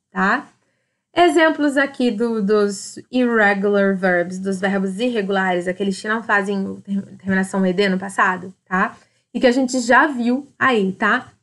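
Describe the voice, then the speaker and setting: A woman's voice: on the high side, a bit bright. A woman, teaching a casual grammar review and often checking with her students. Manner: casual, repeats "tá?" and "ó" to check understanding. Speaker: English teacher. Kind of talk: recorded classroom grammar review.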